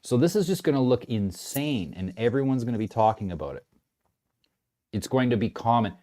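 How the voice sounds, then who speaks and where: A man giving casual, animated trading commentary, rambling and often restarting his sentences. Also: medium pitch, a little fast. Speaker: market commentator.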